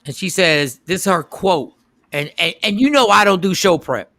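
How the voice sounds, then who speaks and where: A radio show host telling a story casually, with emphatic repeats and quoted voices. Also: male voice, sits high, expressive, normal speed, pushed and bright, dry recording, clean studio sound.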